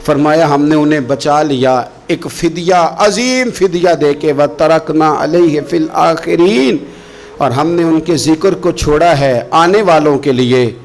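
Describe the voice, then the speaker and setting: A man delivering an emotional sermon, dramatically telling stories and acting out the speakers in them, with slow, drawn-out chanted recitation. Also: on the high side. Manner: dramatic storytelling, acts out quoted voices with sudden rises and drops. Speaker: preacher.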